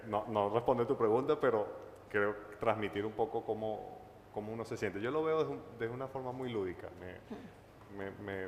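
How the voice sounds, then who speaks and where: A Venezuelan man from Caracas speaks with a low voice. He thinks aloud on a panel, hesitant and full of fillers and tag questions. His voice carries a long hall reverb with faint noise behind it. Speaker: panelist, writer. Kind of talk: panel talk at a book fair. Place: large hall at a book fair.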